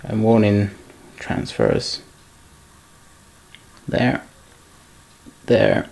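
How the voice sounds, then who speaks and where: This man's low, gravelly voice swings widely in pitch and stretches out his words, with a darkish tone. He rambles casually through a model train unboxing, correcting himself while he handles the parts.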